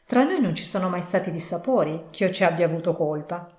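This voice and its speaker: A woman voicing a cheerful, good-humoured young man in an audiobook, pleading warmly. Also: fairly low pitch, lively intonation, brisk, natural voice. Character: cheerful, warm young man, patient nephew. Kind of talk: audiobook reading. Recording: roomy echo.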